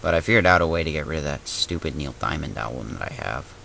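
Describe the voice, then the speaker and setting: Man acting deadpan low, gravelly apocalypse survivor. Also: fast talker, slight background noise, exaggerated voice. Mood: deadpan, uneasy. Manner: hesitant, deadpan, rambling. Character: awkward, deadpan male survivor of zombie apocalypse. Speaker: video diarist. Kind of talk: fictional confessional vlog monologue.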